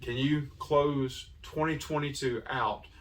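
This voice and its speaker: A man hosting a year-end reflection, earnest and a little emotional, pausing often with fillers. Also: mid-range voice, steady tone, recorded from a distance. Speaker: host of a toy ministry channel.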